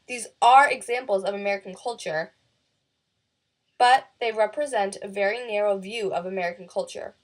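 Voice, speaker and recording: A teenage girl, a student, reading a thoughtful school video essay from indoors into a webcam mic. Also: mid-range voice. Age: teens.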